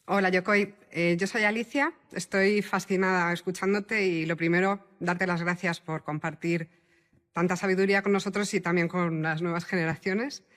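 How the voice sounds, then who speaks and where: A woman's voice: on the low side, fairly even intonation, normal speed, a bit bright. A woman, an audience member, politely asking a speaker a question, hesitating with fillers. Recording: long hall reverb.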